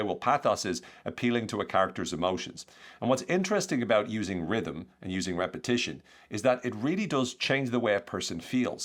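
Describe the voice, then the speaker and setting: A man hosting a podcast, explaining techniques in an energetic, conversational way with lots of examples. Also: sits low. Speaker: podcast host, communication coach.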